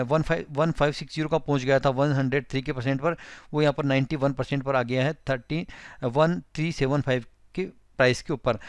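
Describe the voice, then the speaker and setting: A man's voice: on the high side, clear, resonant tone, no echo, clean studio sound. A man with an Indian accent hosting a finance tutorial, explaining step by step in a conversational way and addressing viewers as friends. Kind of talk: screen-recorded explainer with annotations.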